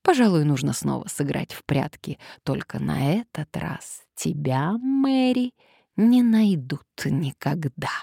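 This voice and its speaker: A woman reading an audiobook, voicing a vengeful scheming male playwright who plots revenge in slow, muttered menace. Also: deep voice, animated, gravelly, mellow, husky, dry recording, clean studio sound, exaggerated voice. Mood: brooding menace.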